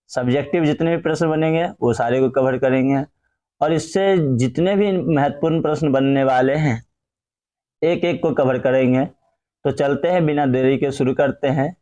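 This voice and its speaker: A man's voice: mid-range voice, warm tone. A male teacher, explaining a lesson step by step in an online class and repeating key phrases.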